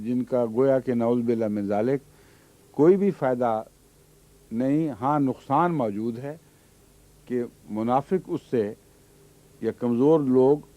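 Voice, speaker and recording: A man's voice: medium pitch, dark tone. A man giving a Quran commentary lesson, reciting Arabic verses and then explaining them patiently. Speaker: Quran teacher. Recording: dull lo-fi archive recording.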